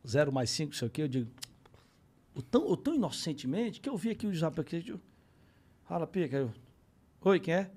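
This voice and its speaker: Brief: male comedian, high-pitched, excitable storyteller who drops to mutters and bursts out loud, slangy and profane. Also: quick pace, slightly rough. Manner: excitable, swings from low mutters to loud exclamations. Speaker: comedian guest on a podcast. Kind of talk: animated comic storytelling.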